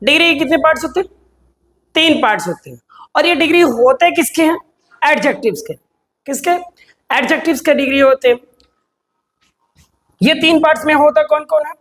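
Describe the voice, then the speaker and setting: A man with a notably high voice teaches a grammar lesson. He poses his own questions and answers them right away. He repeats key terms over and over so they stick. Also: fairly quick, pauses often, fairly bright tone. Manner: drills patterns by repeating them. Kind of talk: explanatory online lesson.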